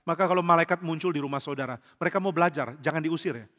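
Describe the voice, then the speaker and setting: A man preaching a lively sermon to a congregation as pastor, acting out little dialogues and jokes. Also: a little high, rapid-fire. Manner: animated, acts out quotes and jokes with the congregation. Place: large church hall. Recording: church hall reverb.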